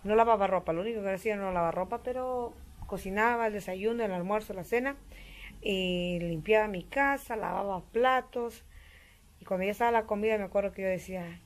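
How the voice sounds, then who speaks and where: A woman's voice: medium pitch, a little fast. Chatty Peruvian woman vlogging. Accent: Peruvian Spanish. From Peru. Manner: chatty, homey, keeps addressing viewers as friends. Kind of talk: casual cooking vlog chat. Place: family home kitchen on a farm.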